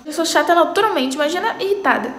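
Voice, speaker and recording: A teenage girl chatting casually as she reacts to memes, playful and dramatic, jumping into high squeals. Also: lively intonation, fast, a bit bright. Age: teens. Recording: roomy echo.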